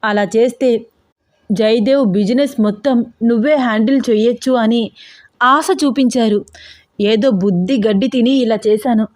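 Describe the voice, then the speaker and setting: A woman reading a storybook aloud and voicing a panicked young man who cries and begs in a high, wailing voice. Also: moderate pace, pauses often, darkish tone, no room sound, studio quality, natural voice. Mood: terrified pleading. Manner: wailing, pleading, high-pitched.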